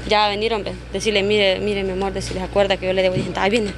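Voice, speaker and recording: A woman's voice: medium pitch, monotone, very fast, music in the background. A woman, chatting playfully in a casual vlog as she shops, often calling out names. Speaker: vlogger. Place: large indoor variety store.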